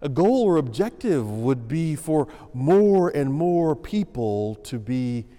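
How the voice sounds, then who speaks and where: A man preaching a sermon as senior pastor, in a measured, emphatic way. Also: a little high, sing-song, dark tone. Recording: long reverb of a large room.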